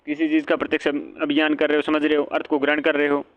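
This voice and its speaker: Guy teaching exam prep, keeps asking himself questions, bit high voice, muffled lo-fi sound. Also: monotone, very fast, no room sound. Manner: repeats points, asks and answers his own questions. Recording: dull lo-fi audio.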